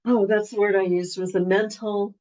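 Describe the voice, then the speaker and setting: A woman's voice: mid-range voice, fairly even intonation, moderate pace, mellow. A woman talking in an earnest, reflective way in casual conversation. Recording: dull lo-fi sound.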